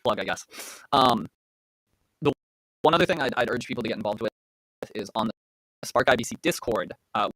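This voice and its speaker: A man talks in a loose, relaxed way, full of fillers. His faulty mic makes the volume swell and drop unevenly. The voice is a bit husky, and the sound is close and dry with no room echo. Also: medium pitch, brisk, pauses often. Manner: relaxed, filler-heavy talk. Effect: uneven volume from a faulty mic cutting in and out. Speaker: project team member. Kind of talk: casual livestream chat. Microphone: headset or desk mic on a video call.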